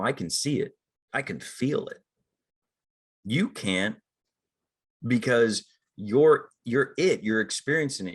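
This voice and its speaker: A middle-aged acting coach with a fairly low, fairly bright voice talks casually about screen acting as he teaches. He's conversational and acts out the inner thoughts he quotes.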